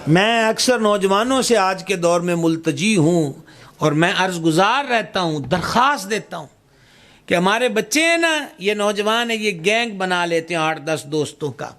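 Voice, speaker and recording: A man preaches with fervor, switching into the voices of the people in his story. His voice sits high. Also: expressive, fairly bright tone. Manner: impassioned, acts out voices in the story. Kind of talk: sermon.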